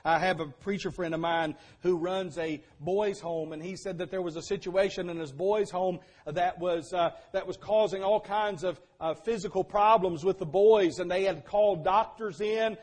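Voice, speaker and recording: An older man preaching a sermon, telling stories and building to fervent shouts. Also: high-pitched, fairly even intonation, moderate pace, few pauses. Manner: storytelling, builds to shouting at climaxes.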